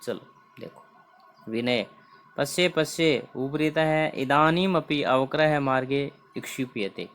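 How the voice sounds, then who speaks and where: Man, teacher, slow unhurried delivery, reads then explains word by word, repeats phrases. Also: mid-range voice, a bit bright. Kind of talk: explaining a textbook lesson.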